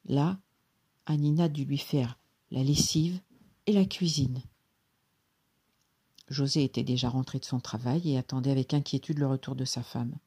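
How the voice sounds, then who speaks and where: Storybook narrator, husky voice, gentle even reading, mid pitch. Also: normal speed, pauses often.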